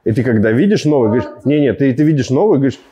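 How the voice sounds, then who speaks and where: A man's voice: mid-range voice, rapid-fire, muffled recording. Joking man reviewing a car. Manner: joking, rambling, animated with gestures.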